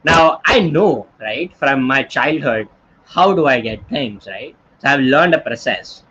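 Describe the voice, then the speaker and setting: A man's voice: mid-range voice, expressive, unhurried, bright, forceful tone, husky, muffled recording. A man in his twenties with an Indian English accent, teaching an online workshop in a chatty, storytelling way full of tag questions like "right?" and "okay?". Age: 20s. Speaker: workshop instructor.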